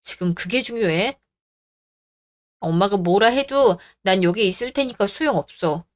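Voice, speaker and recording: A woman's voice: mid-range voice, expressive, a little slow, lightly acted. A woman playing a caring grown daughter in a radio drama, insistent and worried about her mother. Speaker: daughter and wife.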